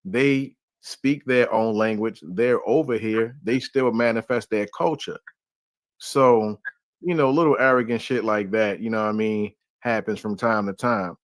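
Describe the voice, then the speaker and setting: A man's voice: on the low side, a little slow, no room sound. Laid-back man talking in a dry room. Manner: loose, conversational, heavy on filler phrases. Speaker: podcast panelist. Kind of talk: casual opinionated discussion.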